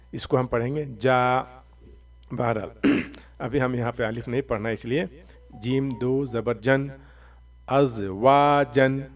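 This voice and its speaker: A man teaching Quran reading in a recorded lesson, saying each word slowly several times and then explaining quickly in between. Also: medium pitch, distant mic. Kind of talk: recorded lesson, slow drilled recitation.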